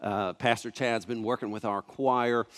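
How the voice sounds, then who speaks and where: A man in his thirties preaching a sermon, telling a family story in a relaxed, conversational way with asides to the congregation. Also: mid-range voice, measured pace. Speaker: pastor. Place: church sanctuary. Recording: long church hall reverb.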